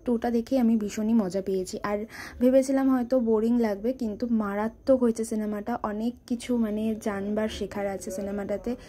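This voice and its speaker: A woman's voice: fairly high pitch, steady tone, normal speed, warm tone. A young woman vlogging in a casual, chatty way, mixing English phrases into her talk. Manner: chatty, mixes English into speech. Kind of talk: casual vlog chat.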